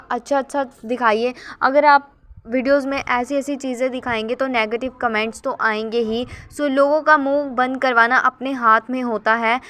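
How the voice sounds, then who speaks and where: A woman's voice: fairly high pitch, fairly bright tone. A woman vlogger giving earnest, sympathetic commentary and often addressing her viewers directly.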